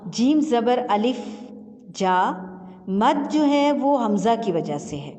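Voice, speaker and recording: A woman teacher leading a slow recitation lesson, spelling out syllables patiently and drawing out each sound. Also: medium pitch, mellow. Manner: patient, drawn-out syllable drills. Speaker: Quran reading teacher. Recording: long reverb with faint music.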